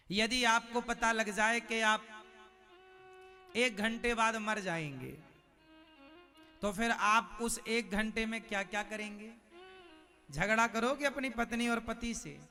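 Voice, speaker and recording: Male preacher, high bright voice, parable-driven sermon, asks the audience questions, soft violin underneath. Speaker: spiritual preacher. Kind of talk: devotional katha sermon with storytelling.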